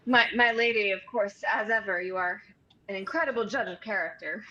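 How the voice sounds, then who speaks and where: A woman's voice: medium pitch, brisk, sharp tone, lo-fi sound. A woman playing a tabletop game, improvising casually with a hesitant, drily deferential manner. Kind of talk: casual improvised role-play.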